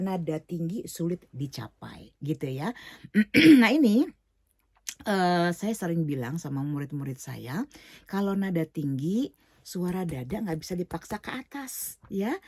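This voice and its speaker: A middle-aged woman teaching an online singing lesson, explaining slowly with many fillers and English words mixed in. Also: mid-range voice, darkish tone, breathy edge, no echo, studio quality.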